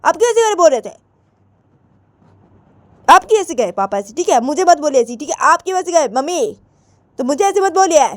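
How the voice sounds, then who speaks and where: A woman's voice: sits high, sing-song, moderate pace, long pauses, dry recording, pitched above the performer's own voice. A woman voicing a defiant young woman who whines, argues back and repeats herself in a storybook tale. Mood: arguing. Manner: whiny, argumentative, repeats herself.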